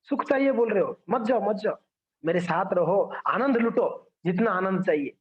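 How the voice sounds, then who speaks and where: A man's voice: sits high, animated, normal speed, voice pushed down. A man doing a fatherly God pleading. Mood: warning. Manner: earnest, warning. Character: kindly fatherly God warning his child. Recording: echoey room, dull sound.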